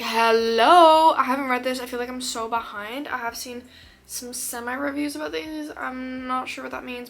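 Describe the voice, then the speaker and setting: A woman chatting casually as a book vlogger, gushing and excitable, sometimes dropping to a whisper. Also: a little high. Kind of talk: casual chat. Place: her room. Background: faint rain.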